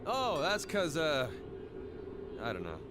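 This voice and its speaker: An actor playing a gruff, blunt and easily baffled teenage tough guy in a video game. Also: fairly high pitch, wildly swooping pitch, takes it slowly, heavily acted. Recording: noisy background.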